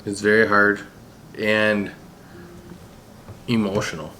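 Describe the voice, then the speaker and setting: A man's voice: fairly low pitch, little pitch movement, slow, pushed and bright, slight background noise. A man explaining on a family vlog in a plain, casual storytelling way. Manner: plain explaining, with ums and asides. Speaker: vlogger, father.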